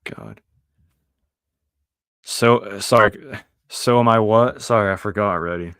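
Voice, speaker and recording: A young man hosts a podcast stream in a relaxed, rambling way, reading out and answering viewer chat. His voice sits fairly low and often sinks into quiet, trailing asides. The sound is dry and close, with no room echo. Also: unhurried, clear, resonant tone. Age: young adult. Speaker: podcast host. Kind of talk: casual live-stream chat.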